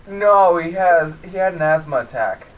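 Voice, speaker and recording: A man's voice: on the high side, expressive, moderate pace, highs cut off. A man chatting casually as a player in a tabletop role-playing game. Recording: distant mic with faint noise.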